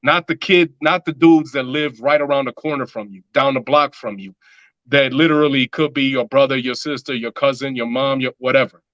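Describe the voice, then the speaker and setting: A man's voice: medium pitch, fairly even intonation, a little fast, fairly bright tone, dry recording, dull audio. A man talking as a musician guest in a casual interview, loose and rambling with lots of filler words.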